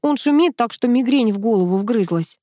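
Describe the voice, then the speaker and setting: Female reader doing an annoyed brisk woman, louder and higher, dry. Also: expressive, no echo, lightly acted. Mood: irritated. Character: irritated woman of the household.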